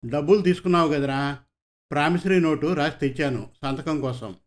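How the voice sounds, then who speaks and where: A man's voice: a little high, fairly quick, close to an everyday voice. A man voicing a bossy village landlord. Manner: scolding, bossy. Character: domineering rich male village landlord.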